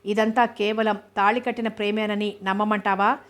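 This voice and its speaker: Heated foreign wife in a storybook reading, voiced by a woman, even-toned. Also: medium pitch, moderate pace, lightly acted. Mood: indignant. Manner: heated, accusing. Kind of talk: audiobook novel reading.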